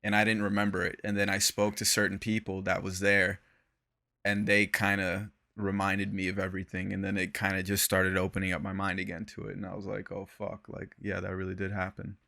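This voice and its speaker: A man's voice: low-pitched, monotone, fairly quick, vocal fry, bright, forceful tone. A young man co-hosting a podcast in casual chat, laid-back and slangy, laughing often and trailing off. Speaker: podcast co-host.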